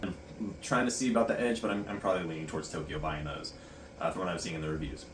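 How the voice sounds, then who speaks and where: Male vlogger, deep voice, halting casual review delivery, roomy sound with faint noise. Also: fairly even intonation, far from the mic. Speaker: running shoe reviewer and vlogger. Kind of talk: casual product review vlog.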